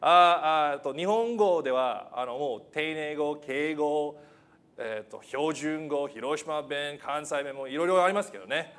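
A man whose first language is not Japanese, preaching a church sermon in a halting, light-hearted way, with many fillers and self-deprecating humor. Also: fairly high pitch, fairly bright tone.

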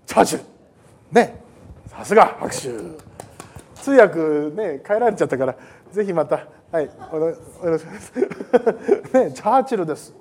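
A male pastor preaching a sermon to a congregation in a lively, joking way that often wanders off topic. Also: sits high, normal speed, slightly rough. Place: church service with a congregation.

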